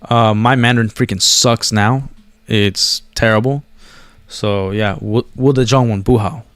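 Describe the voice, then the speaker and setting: A vlogger rambles casually to his viewers, his talk slangy, wandering and self-deprecating. He was born abroad, grew up speaking another language before English, and moved to the US as a child. His voice sits on the low side, a bit bright, with fairly even intonation and an unhurried pace, recorded with no room sound.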